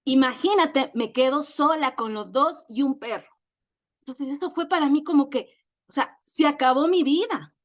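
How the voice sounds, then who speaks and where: A middle-aged woman with an Ecuadorian accent telling her personal story in an emotional, earnest way, often halting and repeating words. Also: high-pitched. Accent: Ecuadorian Spanish. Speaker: network marketing leader. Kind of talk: personal testimony.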